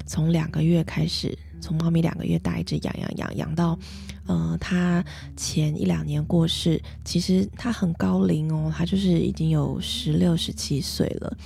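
A woman, gently and reflectively telling a personal story as a mother, with many soft fillers. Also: deep voice, fairly even intonation, moderate pace, creaky. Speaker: mother and vlogger.

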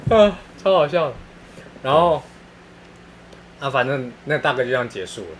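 A man's voice: medium pitch, animated, normal speed, slight background noise. A man with a Taiwanese Mandarin accent telling funny stories in casual chat, laughing often and using crude slang.

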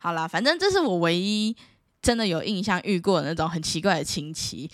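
A woman's voice: lowish voice, lively intonation, brisk, dry recording, studio quality. A woman in her twenties with a Taiwanese Mandarin accent, telling playful stories in a casual vlog and laughing often. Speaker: vlogger. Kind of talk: casual storytelling.

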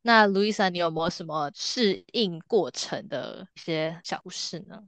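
Young woman podcast co-host, low voice, dry close sound, reflective storyteller. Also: normal speed, fairly bright tone, no room sound. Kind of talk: casual podcast chat.

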